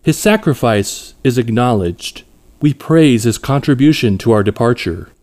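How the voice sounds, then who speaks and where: A man voicing a grandiose male cult leader who speaks slowly and solemnly, like a preacher. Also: medium pitch, animated, a little mellow, natural voice.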